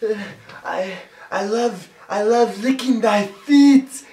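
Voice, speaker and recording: A woman's voice: mid-range voice, takes it slowly, mellow. A woman playing a fawning, whiny, foot-obsessed monster servant in an improvised comedy, pleading with a master. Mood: gleeful craving. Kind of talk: improvised comic mockumentary role-play. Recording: roomy, distant mic with faint noise.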